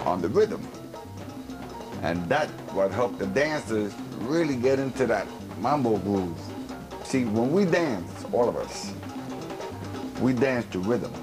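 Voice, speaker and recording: A man's voice: fairly low pitch, low-quality recording. A man explaining in a casual way in a documentary interview.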